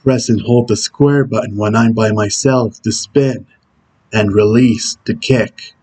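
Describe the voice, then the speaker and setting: A man voicing a stern, brooding video game antihero who gives terse tutorial instructions in a husky voice. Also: on the low side, fairly even intonation, unhurried, a little mellow. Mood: stern, instructional. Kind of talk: character impression reading game tutorial instructions.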